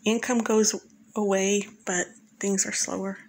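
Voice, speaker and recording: A woman narrating a scripted voice-over guide, speaking in a calm and instructive way and addressing the listener directly. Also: mid-range voice, unhurried, slight background noise, low-quality recording. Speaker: flower farmer and channel host.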